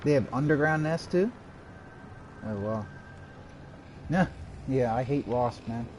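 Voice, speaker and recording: A man's voice: mid-range voice, slow pace, darkish tone, a little hiss or hum, low-quality recording. A man streaming a game live, muttering to himself as he plays and drifting into rambling stories. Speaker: gaming streamer. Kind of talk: live gameplay commentary.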